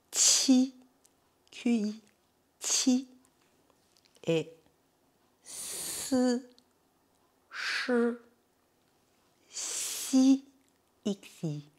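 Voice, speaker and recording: A woman teaching pronunciation in French, patiently repeating each sound and checking that the listener follows. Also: fairly low pitch. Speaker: Chinese teacher. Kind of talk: slow pronunciation lesson.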